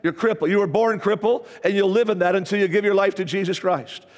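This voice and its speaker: A pastor preaches an emphatic sermon at a quick pace, repeating phrases again and again. His voice is high for a man, and the long reverb of a church sanctuary carries the sound.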